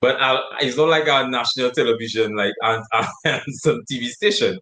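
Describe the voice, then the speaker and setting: A man's voice: medium pitch, normal speed, bright, forceful tone, poor audio. A man co-hosting a casual chat show, rambling and laughing often as he talks. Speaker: co-host.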